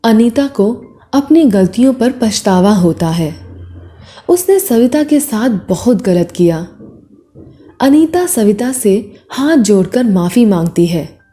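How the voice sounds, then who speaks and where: Brief: woman storybook narrator, slow, lively pitch, mellow tone, faint music behind. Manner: expressive, measured.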